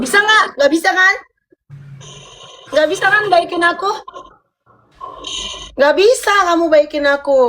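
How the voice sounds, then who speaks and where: A woman's voice: sits high, fairly bright tone. A woman arguing on a live stream, insistent and repeating her demands over and over. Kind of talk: heated live-stream argument.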